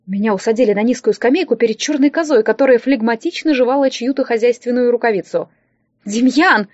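A woman telling a first-person audiobook story in a lively, playful way. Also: fairly high pitch, dry recording. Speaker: audiobook narrator. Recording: dry, slightly dull audio.

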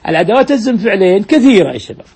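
A man's voice: high voice, very animated, very fast, vocal fry, darkish tone, slightly rough. A man teaching a grammar lesson, explaining step by step, repeating examples and putting questions to his students.

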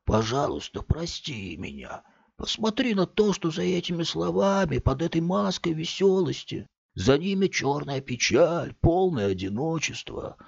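A sweet-talking, drunken big man, as a male reader puts him on in an audiobook, his voice raised high and swinging widely. He wheedles and whines by turns. The sound is dry and a little muffled. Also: big pitch swings, measured pace, dry recording, full character voice. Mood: pleading. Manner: cloying, pleading, with hiccups.

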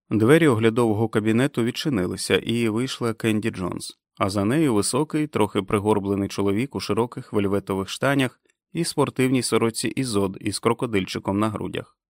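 A man reading an audiobook in a steady, even narration. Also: lowish voice, no room sound, clean studio sound. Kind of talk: scripted narration.

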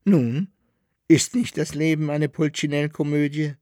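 A man voicing a jovial, knowing man at an inn in an audiobook, with a slow, drawling, amused delivery. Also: on the high side, steady tone, a little mellow, no room sound, studio quality, voice pushed up, natural voice.

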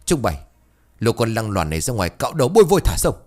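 A man's voice: on the low side, sing-song, racing, a little mellow. A man voicing an old, domineering village chief who barks and scolds, in a spoken ghost story. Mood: furious. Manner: barking, scolding.

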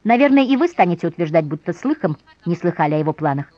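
A woman's voice: lowish voice, sing-song, fast talker, highs cut off. A woman voicing a stern man, an army general who grumbles and presses hard. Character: stern, gruff male general.

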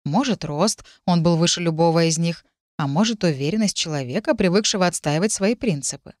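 Woman narrating an audiobook, low and dry. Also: no echo. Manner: even, measured reading. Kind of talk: first-person audiobook narration.

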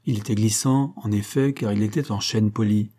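A man narrating a classic novel as an audiobook, in a measured, even storytelling voice. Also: fairly low pitch. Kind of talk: scripted narration.

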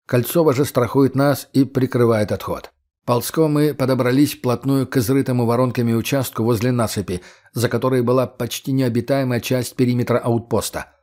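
A man narrating a first-person military story as an audiobook, in a measured, even manner. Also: medium pitch.

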